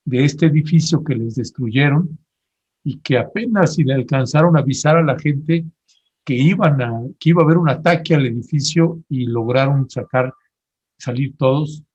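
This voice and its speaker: Husky male TV host. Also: mid-range voice, dull audio. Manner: conversational, relaxed with small restarts. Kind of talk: live interview broadcast.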